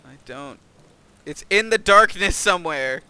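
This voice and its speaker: A man's voice: high-pitched, animated, a little slow, sharp tone, clean tone, no echo. A man hosting a horror game stream, swearing often and teasing his co-host in casual chat. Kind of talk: casual let's-play chat.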